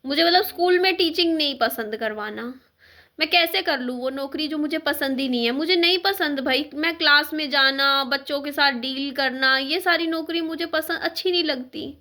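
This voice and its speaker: A woman chatting casually to her viewers in a rambling vlog, with a sore throat that she clears now and then. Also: sits high, normal speed, bright, forceful tone. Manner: chatty, rambling, with frequent fillers. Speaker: vlogger. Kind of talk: casual chat to camera.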